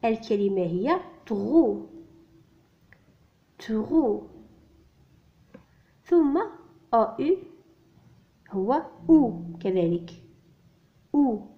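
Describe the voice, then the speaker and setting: A woman's voice: on the high side, lively intonation, extremely slow, long pauses. A woman teaching French reading to beginners, spelling out letters and sounds one by one and repeating each word. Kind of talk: slow spelled-out reading lesson. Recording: dull lo-fi recording.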